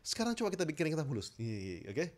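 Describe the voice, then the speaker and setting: A self-help trainer giving an instructional talk, addressing viewers directly and coaxing them along, acting out tense and relaxed ways of speaking. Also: mid-range voice, fast talker. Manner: animated, demonstrates tense versus relaxed speech.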